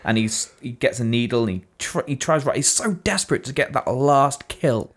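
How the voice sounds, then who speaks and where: A man's voice: medium pitch, normal speed. A man co-hosting a casual podcast, retelling events animatedly and swearing freely. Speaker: podcast co-host. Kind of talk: casual chat.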